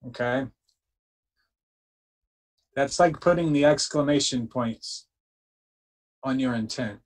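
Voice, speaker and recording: A man's voice: medium pitch, slow, rough recording. A man leading a spiritual group, instructing listeners and chanting incantations with emphasis, checking in with frequent "okay?".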